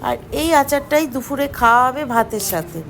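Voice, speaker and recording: A woman's voice: high voice, animated, brisk, a bit bright, a little hiss or hum. A woman vlogging casually at home, chatty and teasing as she talks to family members. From Bengal. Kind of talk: casual family vlog chat.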